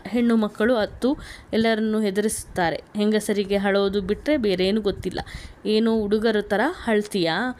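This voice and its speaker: A woman psychologist explains an emotional topic in a calm, measured talk. Her voice sits at an ordinary middle pitch, and she reads carefully, stopping now and then to restart a word. The delivery is steady and informative.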